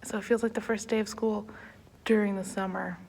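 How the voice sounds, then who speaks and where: A woman's voice: mid-range voice, little pitch movement, brisk, creaky, darkish tone. A young woman, a music student, chatting giddily in a casual vlog from a large empty practice hall. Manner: giddy, chatty, laughing often. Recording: echoey hall with faint room noise.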